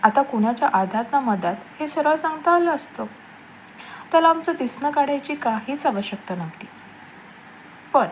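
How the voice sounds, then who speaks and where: A woman with a slightly high voice reads a humorous novel aloud as an audiobook, telling the story expressively and acting out the voices of quoted relatives. The audio is poor, with a little hiss or hum.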